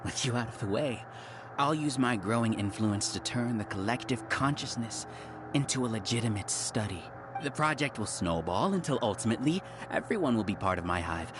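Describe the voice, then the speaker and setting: A man's voice: medium pitch, lively intonation, a little fast, noisy background, lightly acted. Man acting an arrogant, theatrical villain scholar, swooping delivery. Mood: grandiose. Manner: theatrical, condescending, grandiose monologuing. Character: arrogant male villain researcher, leader of a hive mind. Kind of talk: scripted video game villain acting.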